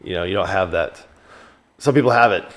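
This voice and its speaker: A man's voice: deep voice, fairly quick. A man co-hosting a casual podcast chat, joking and musing aloud with many 'you know's. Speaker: podcast co-host.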